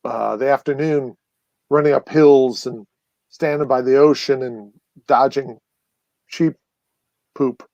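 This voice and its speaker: A man speaking at an ordinary pitch, telling stories as a guest on a live show. He rambles and restarts, with lots of ums and uhs. The sound is dry and close, with no room around it. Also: slow pace, vocal fry, pauses often, no echo, highs cut off. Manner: rambling, animated, many fillers and restarts. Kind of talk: casual storytelling chat.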